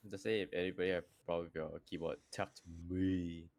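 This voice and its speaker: A man's voice: deep voice, level tone, brisk, darkish tone, dry recording. A man chatting on a voice call with a laid-back, blunt manner. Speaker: friend on a voice call.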